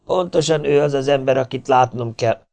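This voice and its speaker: A man's voice: mid-range voice, gravelly, a little mellow, pitched above the performer's own voice, close to an everyday voice. A man voicing a harried male war correspondent who calls out urgently and pleads.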